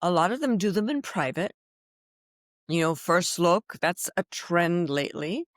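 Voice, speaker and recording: In clean studio sound with no room echo, a lowish-voiced middle-aged woman from Belgium talks at a measured pace. Guesting on a podcast as a wedding officiant, she is chatty and expressive in the casual interview, often starting her thoughts over.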